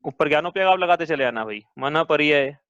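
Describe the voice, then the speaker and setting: A man's voice: fairly high pitch, animated, a little fast, a bit bright, smooth, no room sound. A man teaching a religious class, explaining patiently and asking his students questions. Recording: dull lo-fi sound, dry.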